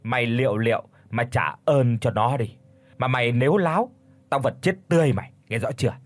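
A man doing a gruff old ghost grandfather. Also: a little fast, no room sound, close to an everyday voice. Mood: commanding. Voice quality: booming, gruff. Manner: commanding, scolding. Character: old grandfather's ghost speaking through a boy, gruff and bossy.

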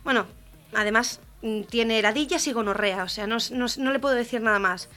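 A woman hosting a radio comedy show, telling jokes briskly and laughing at the punchlines. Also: a little high, pushed and bright.

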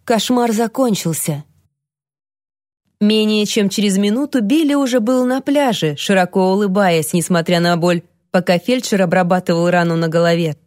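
Female audiobook narrator, mid-pitched, even storytelling, dry studio sound. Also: dry recording. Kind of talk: scripted narration.

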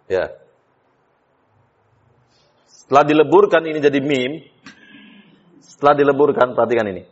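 A man's voice: fairly high pitch, slightly rough. A man teaching Quran recitation rules in a class, explaining step by step, quizzing students with questions and sometimes chanting the examples. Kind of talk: classroom tajwid lesson. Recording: dull lo-fi class recording.

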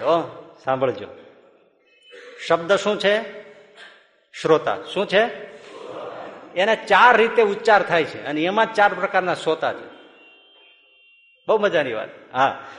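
Monk preaching in an echoey hall. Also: male voice, a little high. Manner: lively storyteller, chuckling through funny anecdotes. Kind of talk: sermon with folksy storytelling.

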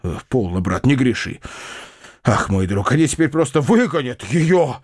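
A man's voice: mid-range voice, very animated, moderate pace, dry recording, studio quality. A man reading aloud and voicing an anxious, kind-hearted middle-aged uncle who frets in agitation. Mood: agitated, fretful. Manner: agitated, fretful.

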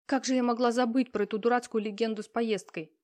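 A woman's voice: fairly high pitch, steady tone, fast, a little mellow, natural voice. A woman reading an audiobook, voicing a flustered young female student who talks hesitantly and anxiously.

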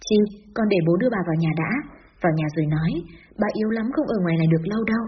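A woman's voice: fairly low pitch, rapid-fire, lo-fi sound, slight background noise, natural voice. A woman voicing a grieving father who holds back his distress and speaks urgently. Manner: restrained, urgent.

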